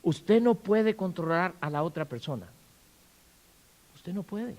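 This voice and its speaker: A man preaching a sermon in a church, firing questions at the congregation and acting out quarrels in loud bursts. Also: high-pitched, expressive, measured pace, low-quality recording. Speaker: pastor. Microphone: handheld or stand mic.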